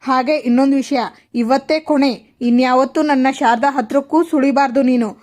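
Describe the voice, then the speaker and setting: A stern, commanding patriarch from a TV serial recap, read aloud by a woman with a high voice. He speaks firmly and lays down orders without softening them. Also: steady tone, moderate pace, close to an everyday voice. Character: stern older man, head of family, commanding.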